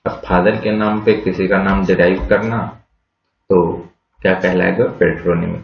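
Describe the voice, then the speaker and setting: A man gives a slow, patient vocabulary lesson in a fairly low voice, spelling out words letter by letter and quizzing his class with questions he answers himself. The sound is muffled and lo-fi, with an echoey room around him. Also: level tone, creaky. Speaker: English vocabulary teacher.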